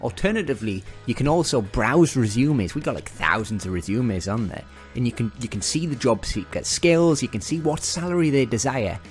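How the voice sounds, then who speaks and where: Northeast English man, casual sales-pitch vlog delivery, faint music underneath. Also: lively intonation, normal speed, few pauses. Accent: northern English, northeast England. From northeast England. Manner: chatty, upbeat, salesy, chuckling asides. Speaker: business owner giving advice. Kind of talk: casual direct-to-camera advice talk.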